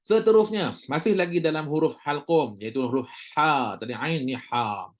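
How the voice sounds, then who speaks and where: A man's voice: on the high side, moderate pace. A man with a Malaysian Malay accent teaching a recorded recitation class, chatty and joking, drawing out sounds to model them. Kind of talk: casual recorded class lecture.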